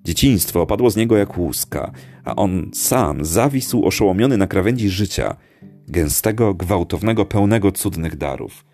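A man narrating an audiobook with expressive storytelling. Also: deep voice, normal speed. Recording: faint guitar music beneath.

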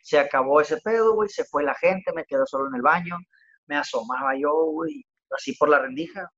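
A man's voice: on the high side, brisk, a bit bright, dull audio. A man with a Mexican accent telling a story in a casual, rambling podcast chat, heavy on slang, over a remote call. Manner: slangy, rambling, packs "güey" into every sentence. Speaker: podcast guest. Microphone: remote call audio.

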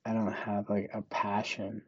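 A young man hosting a solo podcast, thinking aloud slowly in a monotone way. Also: lowish voice, breathy edge, no echo, dull audio. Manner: slow, monotone, musing. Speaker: podcast host.

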